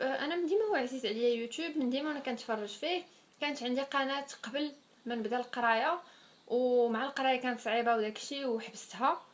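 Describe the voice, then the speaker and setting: A young Moroccan woman in her twenties chats through a casual Q&A vlog. Her voice sits high, and she mixes French words into her talk. She moves along at a quick clip. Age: 20s. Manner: chatty, sprinkles French words. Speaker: vlogger.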